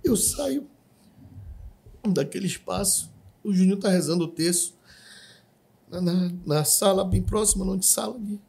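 Husky-voiced man telling a testimony. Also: high-pitched, normal speed, pauses often. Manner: vivid storytelling, acts out shouts and quotes. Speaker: podcast guest giving testimony. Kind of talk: emotional personal testimony.

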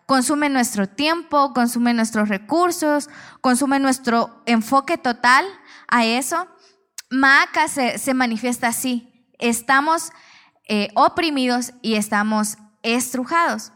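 A woman's voice: sits high, slow, fairly bright tone. A woman, preaching a sermon and telling a personal testimony in an earnest way, with frequent restarts.

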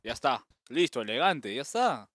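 A man's voice: mid-range voice, very animated, normal speed, a bit bright, no echo. A tipsy man, a podcast guest talking bluntly and cursing in casual banter.

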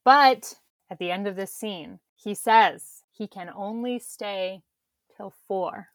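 A woman with a mid-range voice speaks slowly as a podcast co-host, recapping a TV episode in casual, wry chat and quoting characters in mocking voices. The studio sound is clean with no echo.

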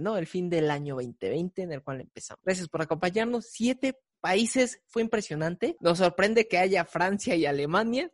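A man's voice: on the high side, no echo, studio quality. Joking young Mexican man hosting a podcast. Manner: joking, crude slang, loose rambling sign-off. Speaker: podcast co-host. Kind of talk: casual podcast chat.

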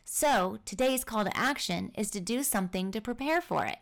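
A woman's voice: medium pitch, expressive, normal speed, gravelly. A woman hosting her own podcast, reading a scripted, upbeat and encouraging introduction. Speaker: podcast host and founder.

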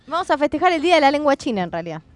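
A woman's voice: sits high, big pitch swings, racing, no echo. A woman with an Argentine accent co-hosting a podcast, chatty and teasing. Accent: Argentine Spanish. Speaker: podcast co-host. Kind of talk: casual chat.

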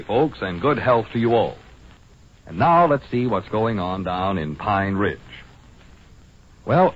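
A man's voice: lowish voice, slight background noise. A man speaking as a 1940s radio announcer, genial and folksy, reading a scripted show introduction. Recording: muffled 1940s radio broadcast, music.

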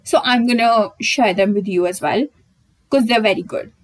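A woman's voice: mid-range voice, normal speed, low-quality recording. A young woman hosting her own podcast in casual solo chat, candid and emphatic and swearing freely. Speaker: podcast host.

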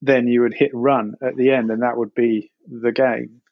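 A man's voice: medium pitch, little pitch movement, moderate pace, dry recording. Middle-aged Essex man, dry slightly dull recording. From Essex, England. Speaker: interview guest, game industry producer. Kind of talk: casual personal recollection.

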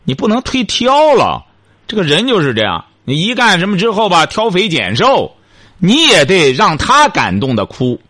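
A man's voice: high voice, huge pitch swings, normal speed, bright, forceful tone, no room sound. A male radio call-in host who gives advice in a teasing, sarcastic, needling way, speaking close to a studio microphone.

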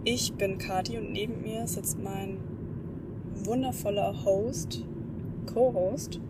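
A woman co-hosting a casual chat podcast who talks in a supportive, chatty way. The recording is low quality from a poorly placed mic in a moving car. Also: steady tone, slow pace. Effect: low-quality, distant mic recording. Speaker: podcast co-host. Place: car on a motorway. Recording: distant mic with loud road noise.

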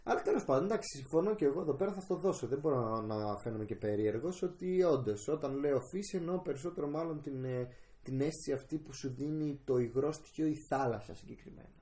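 A young man from Greece in a casual, animated debate, arguing his side playfully. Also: medium pitch.

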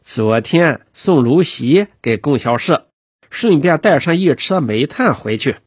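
A man's voice: a little high, expressive, a little slow, slightly rough, dry recording. A man voicing a cheerful older country carter who talks in a homely, folksy way. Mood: chatty. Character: cheerful older rural male cart driver.

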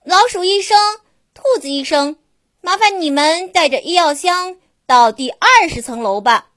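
A woman's voice: high-pitched, expressive, unhurried, fairly bright tone. A woman voicing a small, clever young monkey who speaks eagerly in a children's story.

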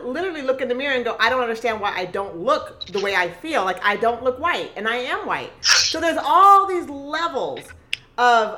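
A woman from Costa Rica talking in an animated, emphatic way, with frequent restarts, in a casual conversation. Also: a little high.

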